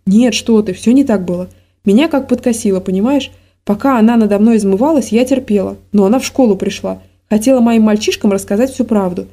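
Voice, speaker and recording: A frightened middle-aged village wife rambles anxiously through tears, as a woman reading a story puts her on. Her talk is hurried and pleading. The voice is very dark and mellow. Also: mid-range voice, lightly acted.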